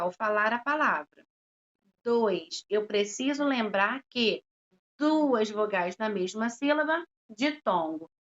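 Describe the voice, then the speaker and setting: A woman's voice: a little high, fairly bright tone. A woman teacher explaining a grammar lesson patiently, stretching out syllables and checking in often with her students. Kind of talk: slow classroom explanation. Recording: dull lo-fi recording.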